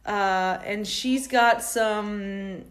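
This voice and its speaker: A woman's voice: mid-range voice, extremely slow. Blunt, swearing woman chatting. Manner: blunt, swears freely, retells TV gossip. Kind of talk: casual chat.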